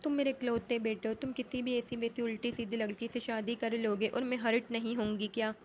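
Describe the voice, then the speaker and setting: A middle-aged mother, fond of her son yet quick to scold, voiced by a woman reader. Her voice is fairly high and flat. The tone is sharp. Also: a little hiss or hum, lightly acted. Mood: angry. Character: middle-aged mother, doting but angry.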